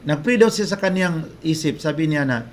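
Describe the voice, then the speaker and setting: A man's voice: on the high side, lively intonation, normal speed. A man preaching, telling a testimony to his congregation in an earnest storytelling way, often breaking off and restarting his phrases.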